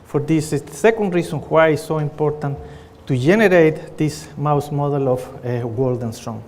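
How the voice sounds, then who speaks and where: A middle-aged man with a Chilean Spanish accent presents his research at a conference, speaking earnestly and often pausing on fillers. His voice sits a little high for a man. A long reverb trails his words around the conference hall. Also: darkish tone. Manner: earnest, with frequent fillers and restarts.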